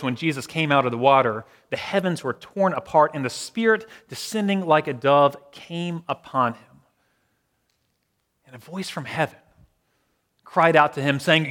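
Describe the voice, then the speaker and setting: A male pastor delivering a sermon with a slightly higher voice than most men. He talks reflectively, leaning into slow dramatic pauses and letting phrases fade to near a whisper. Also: a bit bright.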